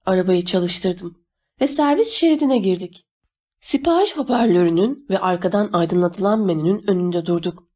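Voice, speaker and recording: A woman narrating a first-person audiobook in an expressive reading. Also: on the low side, moderate pace. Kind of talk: scripted narration.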